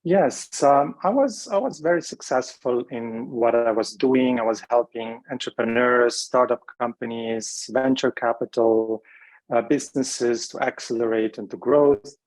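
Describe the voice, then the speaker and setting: Male guest with a mid-range voice, measured and reflective in his answers. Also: mid-range voice, darkish tone, poor audio. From Lebanon, raised in Switzerland. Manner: measured, thoughtful, pauses to search for words. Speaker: guest, rehab center CEO.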